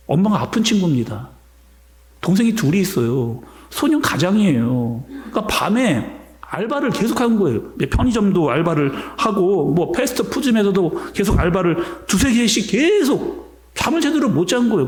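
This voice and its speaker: Male pastor for a sermon, lively storyteller who keeps turning to the congregation, high voice, echoey sanctuary. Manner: animated storytelling, addressing the congregation directly. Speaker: senior pastor. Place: church sanctuary.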